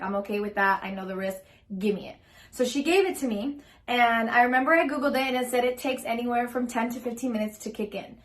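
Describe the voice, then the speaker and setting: A young woman casually telling a personal story in a chatty, rambling way, full of fillers, acting out what she said. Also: a little high. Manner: chatty and rambling, full of ums and likes, acts out her own lines. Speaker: vlogger telling her birth story.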